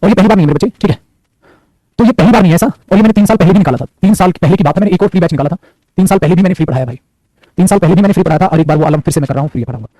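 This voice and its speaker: A man's voice: high-pitched, racing, warm tone, no echo. A young man teaching a live online class in a chatty, teasing, scolding way. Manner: chatty, scolding, joking with students. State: sore neck. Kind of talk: casual live class talk.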